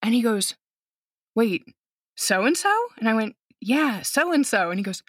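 Her voice is on the high side, a little slow and breathy, in clean studio sound with no echo. An American teacher in her thirties, she's an outgoing guest who animatedly narrates a story in conversation and acts out its quoted lines.

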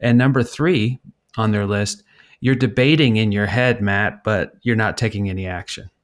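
A middle-aged man with a somewhat low voice co-hosts a podcast. He reads articles aloud in a relaxed, teasing way, adding jokey asides. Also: normal speed. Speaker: podcast co-host. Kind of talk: casual comedic chat.

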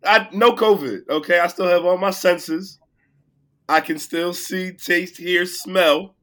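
A man co-hosting a casual sports podcast while sick, his voice cracking, playful and boastful, getting loud when excited. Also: sits high, slow. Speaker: podcast co-host.

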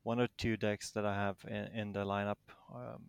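Casting: male interviewee, Danish accent, fry-edged delivery, close dry sound, modest and hesitant. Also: lowish voice, level tone, moderate pace, no room sound. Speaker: interviewed tournament champion. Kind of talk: casual interview answers.

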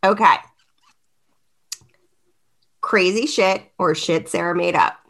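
A woman's voice: fairly low pitch, slow, vocal fry, fairly bright tone. A woman co-hosting a casual podcast chat, reading out trivia prompts and laughing often. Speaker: podcast co-host. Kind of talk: casual chat quiz game.

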